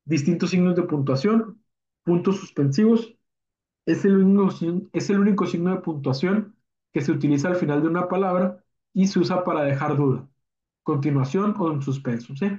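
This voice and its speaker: A man's voice: on the high side, moderate pace, warm tone. A man, teaching a punctuation lesson in an informal, chatty way, using many fillers and tag questions. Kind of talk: recorded spelling and punctuation lesson. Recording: dull, echoey classroom audio.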